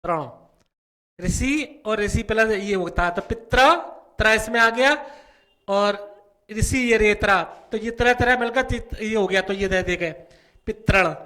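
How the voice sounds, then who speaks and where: Male grammar teacher, North Indian Hindi accent, high, bright voice, slow and repetitive delivery. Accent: Hindi-speaking North Indian. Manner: slow, repetitive explaining with frequent "ठीक है". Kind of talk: whiteboard grammar lesson.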